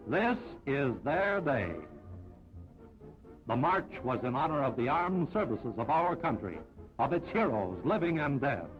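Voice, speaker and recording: A man narrating an old 1940s newsreel in a brisk, upbeat announcer style. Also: mid-range voice, big pitch swings. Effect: old newsreel sound. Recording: dull lo-fi 1940s film audio with music.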